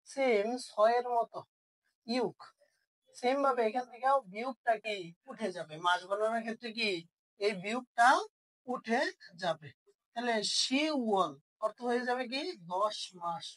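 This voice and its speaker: A woman's voice: a little high, moderate pace, poor audio. A woman teaching an online language lesson, asking questions and answering them herself.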